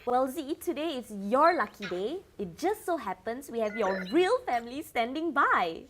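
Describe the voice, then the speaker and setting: Woman playing a slow, swooping, glib talk-show host. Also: mid-range voice, very animated, over music. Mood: breezy. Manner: wisecracking, flustered stammering. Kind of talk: scripted satirical talk-show presenting.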